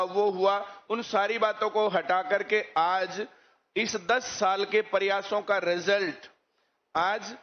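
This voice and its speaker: Man, high voice, lecturing teacher, rhetorical questions, muffled lo-fi sound. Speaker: coaching teacher. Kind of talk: speech to students. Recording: muffled lo-fi recording.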